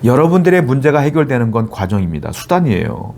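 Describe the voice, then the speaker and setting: A man's voice: mid-range voice, big pitch swings, fast talker, vocal fry, darkish tone, a little hiss or hum. A middle-aged man preaching a sermon as a pastor, earnest and at times emphatic as he exhorts his congregation.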